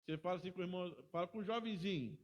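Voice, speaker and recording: A middle-aged man, a pastor teaching a Bible school class in a chatty way, often ending sentences with a quick tag question. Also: sits high, lo-fi sound.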